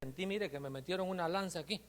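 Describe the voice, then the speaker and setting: A man preaching a sermon as pastor, telling a personal testimony in an animated storytelling way. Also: sits high, fast talker. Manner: animated storytelling, acts out quotes. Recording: long reverb of a church hall.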